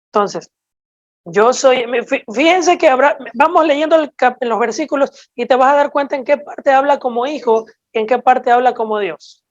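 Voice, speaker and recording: A woman preaching a sermon, teaching slowly and emphatically and checking in with her listeners as she explains scripture. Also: high-pitched, no room sound, muffled recording.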